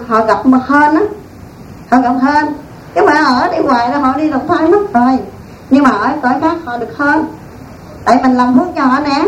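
High-voiced nun preaching. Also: female voice. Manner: folksy, animated storytelling with laughs. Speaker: Buddhist nun teacher. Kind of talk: dharma talk. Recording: echoey room, distant mic, faint noise.

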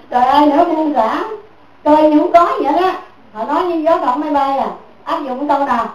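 A woman with a high-sitting voice gives a Buddhist dharma talk at a moderate pace, repeating her points and asking listeners "right?" over and over. The recording sounds echoey, with the mic placed far away.

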